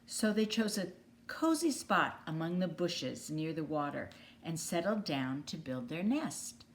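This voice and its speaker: A woman from the United States reads a picture book aloud for children. Her voice sits a little lower than most women's. She narrates as a storyteller would. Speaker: storybook reader.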